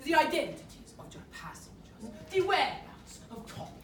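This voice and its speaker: A woman's voice: sits high, sing-song, normal speed, slight background noise. A woman playing a pompous, hot-tempered male Spanish don who interrogates prisoners, with a put-on Spanish accent and a theatrical, blustering delivery in a live stage comedy. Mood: scheming. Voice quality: theatrical, blustering, with sudden shouted outbursts. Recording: echoey stage, picked up from far off.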